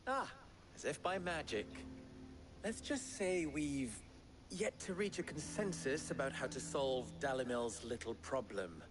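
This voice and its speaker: An actor playing a wry, worldly male town leader in a video game, speaking in a dry, measured way. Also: medium pitch, animated, over music, natural voice. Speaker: game character. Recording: game audio with clear background noise.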